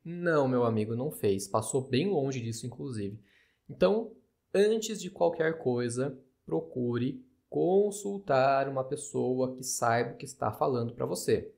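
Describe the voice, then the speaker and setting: On his own podcast, an astrologer with a Brazilian Portuguese accent speaks casually in a gravelly, mid-pitched, slightly mellow voice. Expressive and measured in pace, he explains things in a chatty, skeptical way and often checks in with the listener through tag questions.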